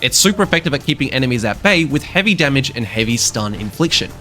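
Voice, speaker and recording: A young man with a sick voice walks through a game update in scripted narration, cracking jokes as he goes. His delivery is playful, and his pitch swings widely while staying mid-range. Faint music plays underneath. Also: fast. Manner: playful, joking, animated delivery. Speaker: gaming YouTuber.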